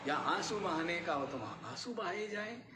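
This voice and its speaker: A man's voice: high-pitched, expressive, moderate pace. A man giving a spiritual discourse as a swami, often quizzing his listeners with short questions. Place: ashram hall. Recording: echoey room, faint hiss.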